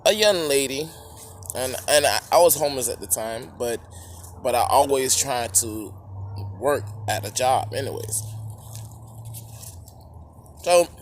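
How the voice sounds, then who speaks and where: A man telling a rambling personal story to camera, halting with fillers and restarts, eating while he talks. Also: mid-range voice, a little hiss or hum.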